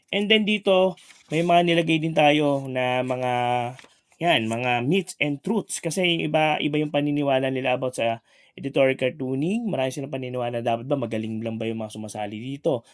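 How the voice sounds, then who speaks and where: Man, editorial cartoonist, casual walkthrough, rhetorical questions, frequent filler tags. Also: mid-range voice. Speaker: editorial cartoonist presenting his guide book.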